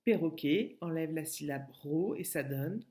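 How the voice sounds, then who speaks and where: A woman with a French accent teaches a young child slowly and patiently. She breaks each word into its syllables, and her pitch rises and falls with a lot of movement. The whole thing is a recorded lesson for a child working at home. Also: expressive, mellow. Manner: slow, patient, spells words out syllable by syllable. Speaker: kindergarten teacher.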